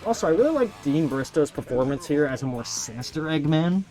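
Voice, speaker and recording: A man's voice: a little high, very animated, brisk, a little mellow. A man hosting a let's play with casual, sarcastic, sweary commentary and plenty of complaints. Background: video game music.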